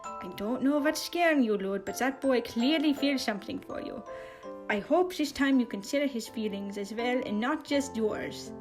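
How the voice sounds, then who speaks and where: A woman's voice: on the high side, moderate pace, music in the background, natural voice. A woman reading a fanfic aloud, voicing a brash young man who scolds his brother. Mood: firm. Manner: shouting, scolding.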